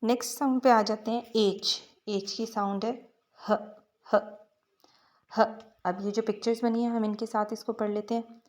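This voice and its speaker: A woman's voice: a little high, level tone, brisk, a little mellow. A young woman teaching phonics, patiently sounding out letters and words one at a time. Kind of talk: slow teaching lecture.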